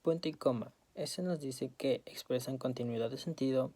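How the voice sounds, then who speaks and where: A woman reading study notes aloud as a student presenter, in a steady, list-like way. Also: extremely low pitch, normal speed.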